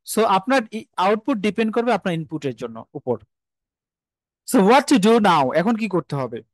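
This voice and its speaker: Man, fairly high voice, dry close sound, online class lecture, rhetorical questions, mixes in English phrases. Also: no room sound. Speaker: English teacher. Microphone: video call.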